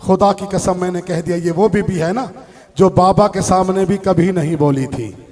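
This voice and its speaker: A man giving an impassioned Shia mourning sermon, with a drawn-out, lamenting, chant-like delivery. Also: high-pitched, steady tone, warm tone. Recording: long reverb of a large hall.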